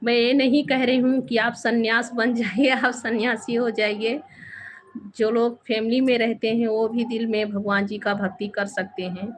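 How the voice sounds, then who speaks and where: A woman hosting a casual live stream from home, softly chatting with viewers and often thanking them. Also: a little high, level tone, normal speed, a little hiss or hum. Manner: soft-spoken, devotional, thanks viewers often. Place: home with two bedrooms and a temple.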